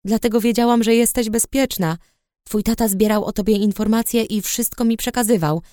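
A woman reading the part of a caring middle-aged mother who speaks softly and soothingly. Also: on the high side, steady tone, moderate pace, dry recording, clean studio sound, lightly acted. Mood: gentle.

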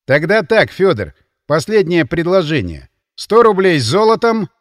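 A hard-nosed mercenary, as a male narrator puts him on, blunt and loud as he bargains. His voice sits a little high and moves a lot, recorded dry and close. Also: sing-song, normal speed, no room sound. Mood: bargaining.

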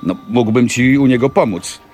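A man voicing a brisk, cynical young factory manager. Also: mid-range voice, a little mellow, faint music behind, pitched above the performer's own voice, natural voice. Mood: impatient. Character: cool, pragmatic young male factory manager. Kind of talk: audiobook reading of a classic novel.

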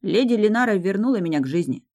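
A woman's voice: medium pitch, animated, quick pace, dark tone, pitched above the performer's own voice, natural voice. A woman reading the part of a polite young male servant, cheerful and deferential.

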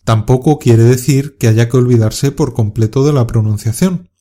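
A man with a Castilian Spanish accent reads a scripted podcast lesson for learners. His voice is mellow and warm, pitched in an ordinary middle range. He explains calmly and clearly and urges learners on. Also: moderate pace. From Spain. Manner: calm, clear, encouraging explanation. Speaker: Spanish teacher.

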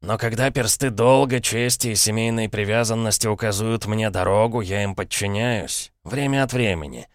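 A scheming middle-aged uncle, all smooth mock courtesy and ironic self-regard, as a male narrator puts him on higher than his own voice. He purrs his lines with a knowing, pompous air. The storybook reading sits close and dry, with no room around it. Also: normal speed, hardly any pauses, no room sound, close to an everyday voice. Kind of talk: audiobook character voice.

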